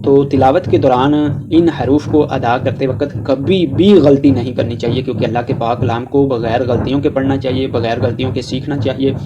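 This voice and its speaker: A man with a Pakistani Urdu accent teaching a tajweed lesson, explaining letter sounds and drawing out each letter slowly as he drills them. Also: mid-range voice, fairly even intonation, lo-fi sound, background noise. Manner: slow, drawn-out recitation of letters between plain explanations. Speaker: Quran reading teacher.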